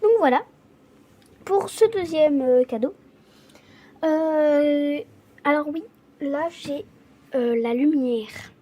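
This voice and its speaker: Casual vlogger woman with a stutter, slow and apologetic, high, soft-toned voice. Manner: stutters, restarts words often; halting, apologetic. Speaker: vlogger showing her gifts. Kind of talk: casual unboxing chat to camera.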